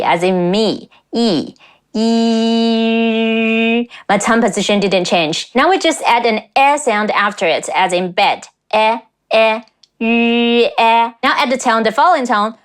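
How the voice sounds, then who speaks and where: A young woman from China talks through clips as a language teacher. She breaks words down and repeats sounds slowly to demonstrate tones, in a slightly high voice. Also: a bit bright. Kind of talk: reaction video with pronunciation lesson.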